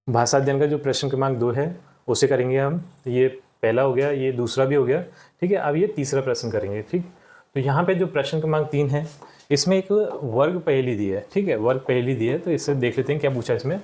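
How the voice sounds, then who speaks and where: A man's voice: medium pitch, a little mellow. A male teacher patiently walking children through worksheet answers, often repeating words and checking in with "ठीक".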